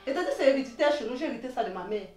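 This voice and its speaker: A woman with a Cameroonian accent playing a jealous girlfriend who shouts and accuses in a comedy sketch. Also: high-pitched, lively intonation, racing, music in the background. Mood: agitated. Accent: Cameroonian French. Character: jealous young woman, hotheaded and insistent. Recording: echoey room, mic far off.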